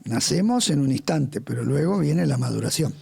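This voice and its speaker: A man's voice: on the high side, animated, normal speed, vocal fry, mellow, breathy edge, soft background music. A man co-hosting a church Bible study conversation, reflective and explaining ideas step by step.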